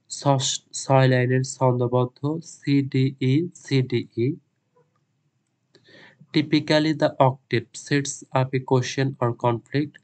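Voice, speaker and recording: This tutor speaks slowly in an unvaried mid-range voice. He dictates each English answer word by word for his exam class, following up with a fast explanation in Bengali.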